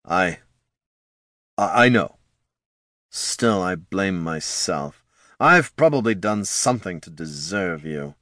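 A man's voice: on the low side, expressive, slow pace, long pauses, fairly bright tone, dry recording, clean studio sound, exaggerated voice. A man voicing a timid grown son who stammers and halts nervously in an audiobook. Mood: defeated. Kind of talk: audiobook character voice.

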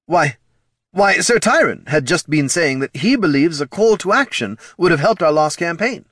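A man's voice: on the high side, expressive, moderate pace, fairly bright tone, no room sound, studio quality, voice pushed up. A man voicing a nervous, fawning undead male head of marketing who stammers. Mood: panicked. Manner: jittery, stammering.

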